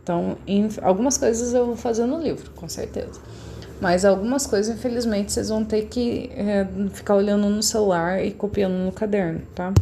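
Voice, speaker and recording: A woman's voice: medium pitch, fairly even intonation, a little fast, creaky, warm tone, a little hiss or hum. A woman teacher from Brazil, patiently explaining a remote lesson step by step to young pupils. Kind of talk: recorded remote class lesson.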